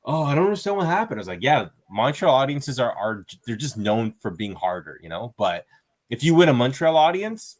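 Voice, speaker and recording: A Canadian stand-up comedian chats casually as an interview guest, his medium-pitched voice sing-song and fairly quick. He rambles with fillers and restarts, acting out conversations he quotes.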